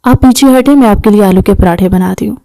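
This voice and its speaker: A woman reading a cheeky young hostage who teases her captor, playful and bratty. The voice is mellow and dark, with a dry, close sound. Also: mid-range voice, vocal fry, dry recording, lightly acted. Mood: teasing.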